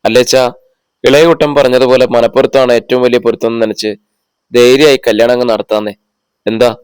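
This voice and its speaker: A man voicing an elderly male village astrologer who gives bad news slowly and hesitantly, in a storybook reading. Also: mid-range voice, steady tone, clean tone, no room sound, close to an everyday voice. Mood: coaxing. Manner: slow, halting delivery of bad news.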